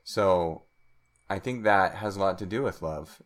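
A man talking as a guest on a podcast, thoughtful and unhurried, with frequent ums and restarts. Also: low voice, a bit bright. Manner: speaks some French. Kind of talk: casual interview chat.

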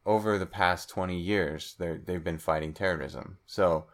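Very deep-voiced man, relaxed guest. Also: moderate pace. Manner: thoughtful, with frequent fillers and restarts; speaks some French. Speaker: podcast guest. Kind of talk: casual interview chat.

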